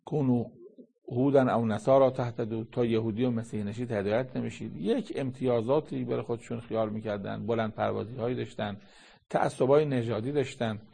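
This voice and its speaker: A man's voice: medium pitch, steady tone, creaky, dark tone, husky. A man giving a Quran commentary sermon, reciting Arabic verses and firing rhetorical questions at his listeners.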